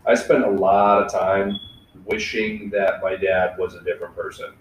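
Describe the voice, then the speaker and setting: A man's voice: deep voice, flat delivery, normal speed, distant mic, slight background noise. Candid young man, roomy home podcast. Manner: candid, reflective, swears freely, many fillers. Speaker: podcast host. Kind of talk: casual podcast chat. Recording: echoey room, away from mic.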